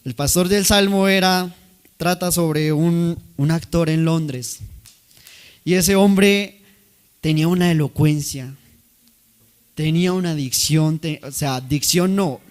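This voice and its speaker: A man's voice: a little high, slow pace, pauses often, clear, resonant tone. A man preaching a sermon in a conversational way, asking the congregation questions.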